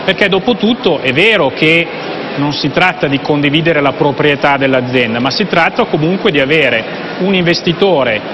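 A man in his thirties, a professor, giving measured expert answers. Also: on the high side, expressive. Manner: measured, explanatory. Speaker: professor, interview guest. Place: convention hall TV set, indoors. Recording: muffled broadcast audio with background noise.

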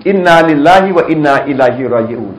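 A middle-aged man giving a lively sermon to a live audience, often asking them questions and joking. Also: a little high, fast talker, poor audio. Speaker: Islamic lecturer. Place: restaurant hall, live audience.

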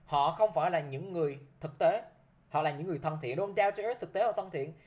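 A man's voice: a little high, quick pace, a little mellow. A man teaching English vocabulary to a class, who keeps checking with his students by repeating a short prompt.

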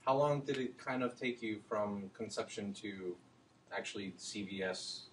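A man's voice: lowish voice, moderate pace. A man in the audience asking short, curious questions at a meetup. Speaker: audience member. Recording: distant mic with room noise.

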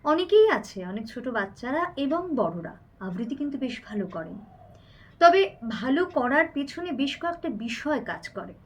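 A woman's voice: sits high, big pitch swings, brisk. A woman recitation teacher giving a spoken lesson on pronunciation, carefully demonstrating sounds one at a time. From Bengal.

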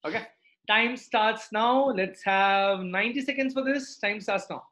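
A man's voice: sits high, unhurried, bright, forceful tone. A middle-aged man with a South Indian accent, teaching maths in a live online class and checking understanding with tag questions. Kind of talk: live interactive online lesson.

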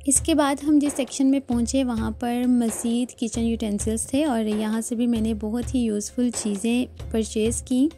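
A woman calmly narrating her shopping vlog as a voice-over. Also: on the high side, moderate pace, hardly any pauses, soft background music. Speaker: vlogger.

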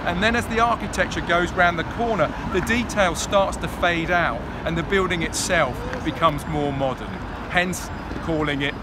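Man guiding a city walking tour outdoors. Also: fairly high pitch. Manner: informative, storytelling, gestures while explaining. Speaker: architecture walking tour guide. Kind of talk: outdoor guided tour narration. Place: busy city square outdoors. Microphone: handheld camera at close range. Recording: outdoor street with traffic noise.

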